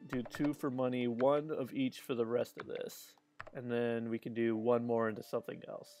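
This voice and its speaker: A man's voice: medium pitch, level tone, moderate pace, a little mellow, faint music behind. A man streaming a game live, chatting in a rambling way with frequent laughs. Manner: chatty and rambling, laughs often, restarts sentences. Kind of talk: casual live-stream commentary.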